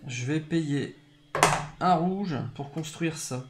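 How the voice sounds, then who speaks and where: A man's voice: on the high side, slow pace, heavy background noise. A man streaming a board game live, cracking dry teasing jokes and explaining the rules.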